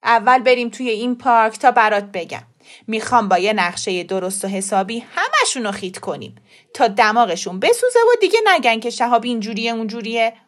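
A woman voicing a bold, scheming old grandmother who talks briskly and emphatically. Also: on the high side, animated, natural voice. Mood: coaxing.

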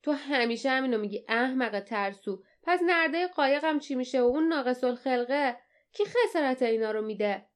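A woman's voice: fairly high pitch, close to an everyday voice. A greedy river captain snarls at the young travellers in a storybook reading, acted by a woman. The voice sits raised above the reader's own and spits out contempt. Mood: angry. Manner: snarling, scornful.

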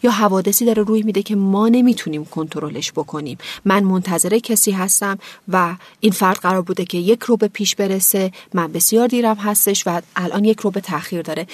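A woman explaining anger management in a calm, measured way with everyday examples. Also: medium pitch, dry recording. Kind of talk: explanatory podcast talk.

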